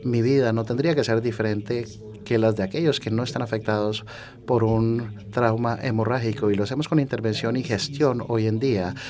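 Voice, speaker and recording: A man working as a conference interpreter, speaking in measured phrases with halts and self-corrections. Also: mid-range voice, steady tone, a little mellow. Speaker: simultaneous interpreter.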